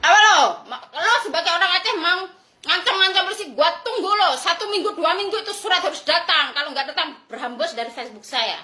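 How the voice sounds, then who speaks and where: A woman's voice: extremely high pitch, animated, quick pace, sharp tone, echoey room. A woman from Indonesia in an angry livestream rant, brash and mocking, who swears freely and laughs scornfully.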